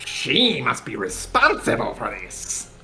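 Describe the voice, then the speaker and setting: A man's voice: mid-range voice, huge pitch swings, slow pace, pushed and bright, roomy sound, faint music behind, exaggerated voice. A man voicing a blustering, scheming fishman fighter in a theatrical, menacing way for a comic manga dramatization. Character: blustering villainous male fishman fighter, hot-tempered, scheming.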